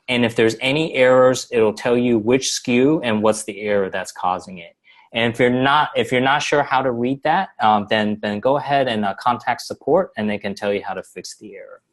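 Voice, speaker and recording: A man presenting a software walkthrough on a webinar, explaining steps with many fillers and halting restarts. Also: medium pitch. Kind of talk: screen-share software walkthrough.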